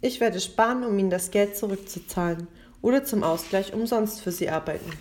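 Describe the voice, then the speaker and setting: A woman's voice: mid-range voice, brisk, darkish tone, lightly acted. A woman voicing a poor, stubborn young boy who protests and pleads in a storybook reading. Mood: pleading.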